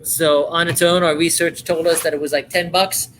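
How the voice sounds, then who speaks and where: A man hosting a live-stream sale, giving a playful, hammy home-shopping style sales pitch with chatty patter. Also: level tone, normal speed, a bit bright, slight background noise, low-quality recording.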